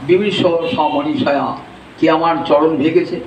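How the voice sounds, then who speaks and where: A wounded bull speaks with humble sorrow, as a male preacher voices him. The voice is high and the words come slowly. The recording is roomy and distant. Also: creaky, slight background noise. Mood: sorrowful. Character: grieving wounded bull embodying righteousness.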